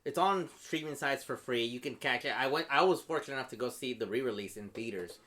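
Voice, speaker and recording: Man, podcast host, casual movie chat, bright voice, excited. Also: mid-range voice, fast talker. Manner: excited, retells scenes with acted-out quotes.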